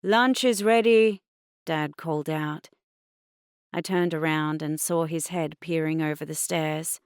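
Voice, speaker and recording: A woman with an Australian accent reading a novel aloud in steady, even scripted narration. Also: deep voice, unhurried, smooth, no echo, clean studio sound. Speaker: audiobook narrator.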